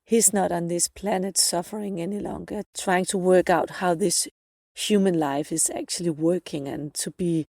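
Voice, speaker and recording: Low, gravelly woman telling a spiritual story. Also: steady tone, moderate pace, darkish tone, no room sound, studio quality. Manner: earnest, present-tense retelling with repeated phrases. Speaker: podcast host.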